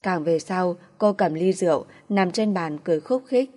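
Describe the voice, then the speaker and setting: A woman narrates a novel in a steady, even audiobook reading. Her voice sits on the low side. The delivery stays measured throughout.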